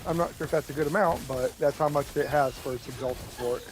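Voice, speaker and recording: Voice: mid-range voice, fairly quick, a little hiss or hum, low-quality recording. A gaming partner chatting casually, thinking aloud about loot and character builds.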